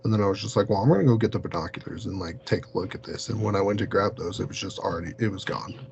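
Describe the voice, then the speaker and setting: Over a muffled, lo-fi recording full of hum and hiss, a man with a low-pitched, creaky voice talks very fast. He's a guest in an interview, rambling through casual anecdotes and leaning heavily on "like."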